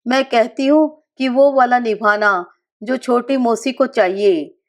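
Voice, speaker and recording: A woman reads a literary short story aloud at a slow, deliberate pace. Her voice sits a little higher than most, and she takes each line in a measured, unhurried way.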